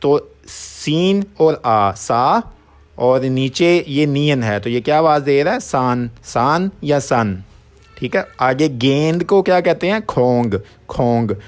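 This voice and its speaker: A man teaching a vocabulary lesson, asking questions and answering them himself, sounding out each word slowly and repeating it. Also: fairly high pitch, expressive, smooth. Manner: repeats words slowly, asks and answers his own questions. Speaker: language teacher.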